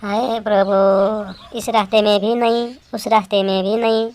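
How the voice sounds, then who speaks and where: A woman voicing a greedy, scheming woman in an animated story, muttering and exclaiming to herself. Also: medium pitch, unhurried, natural voice. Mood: frustrated.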